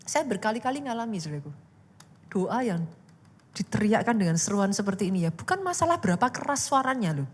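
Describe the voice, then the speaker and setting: A woman pastor preaching an animated sermon, rising into loud exhortation, in a church. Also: medium pitch, brisk, husky. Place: church hall. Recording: echoey church hall.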